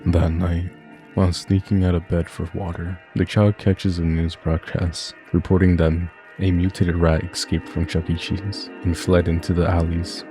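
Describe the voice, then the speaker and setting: Low monotone guy reading creepy stories, music going behind him. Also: normal speed. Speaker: YouTube narrator. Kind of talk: scripted horror story narration.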